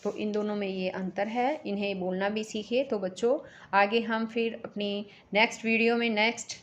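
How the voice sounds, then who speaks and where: A woman's voice: medium pitch, steady tone, moderate pace, slight background noise. A woman teacher going through a workbook lesson for children, patiently breaking words into sounds and repeating them.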